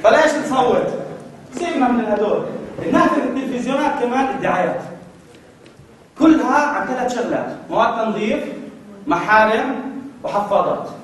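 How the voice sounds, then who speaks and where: A Jordanian man with a Jordanian Arabic accent doing stand-up as an escalating, exasperated comedy rant, animated and acting out little exchanges. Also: extremely high pitch, brisk, pauses often. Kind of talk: stand-up comedy routine to a live audience. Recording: echoey, noisy live recording from a distance.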